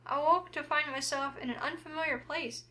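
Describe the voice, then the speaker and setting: Voicing a wary, flustered young heroine who narrates a visual novel game in her own words, a woman speaks fairly quickly in a high register. She sounds uneasy and reflective, her delivery expressive and flustered.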